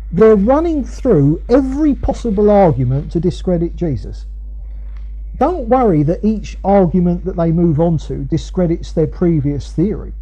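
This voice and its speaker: A man's voice: high-pitched, mellow, highs cut off. A man with an Essex accent preaching in a conversational, emphatic way, repeating key phrases and acting out the arguments he quotes. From Essex, England. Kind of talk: conversational expository sermon.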